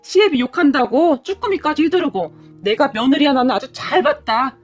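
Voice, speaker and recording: A woman voicing a playful elderly father-in-law who talks slowly and teasingly. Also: sits high, animated, soft background music. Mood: amused teasing.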